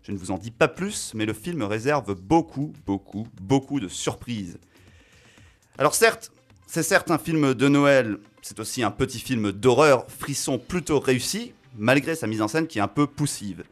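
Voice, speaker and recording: A man at a radio studio mic, delivering a relaxed film column in a chatty, self-mocking way. He stumbles through fillers and restarts as he talks. His voice sits at an ordinary middle pitch. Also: a little slow, faint music behind. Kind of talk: casual radio film chronicle.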